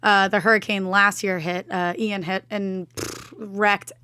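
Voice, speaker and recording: A woman's voice: medium pitch, level tone, a little slow, pushed and bright, a little hiss or hum. A young woman chatting casually as a podcast guest, agreeable and slangy, often chiming in. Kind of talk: casual chat.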